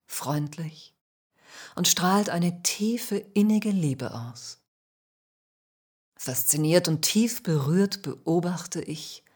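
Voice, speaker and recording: Low, husky, slow woman storyteller. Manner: calm, measured, soft-spoken. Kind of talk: first-person spiritual story narration.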